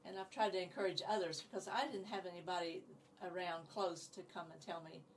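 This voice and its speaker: A woman's voice: on the low side, steady tone, a little fast, a little hiss or hum. A woman in her seventies from Indiana, a guest in a casual interview, telling stories in an upbeat, chatty way. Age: 70s. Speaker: interview guest, community group founder. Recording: voice picked up from a distance.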